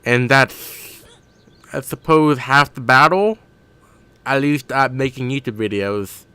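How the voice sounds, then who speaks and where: A man's voice: mid-range voice, slow pace, pushed and bright, clear, resonant tone, no echo. A man streaming a video game, thinking aloud in a rambling way and often correcting himself mid-sentence. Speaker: gaming streamer. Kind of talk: casual live-stream commentary while gaming.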